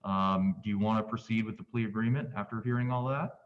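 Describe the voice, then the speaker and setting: A man presiding as judge over a virtual court hearing, speaking in a measured, polite, procedural way. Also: lowish voice, steady tone. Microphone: video call. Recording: muffled distant video call audio.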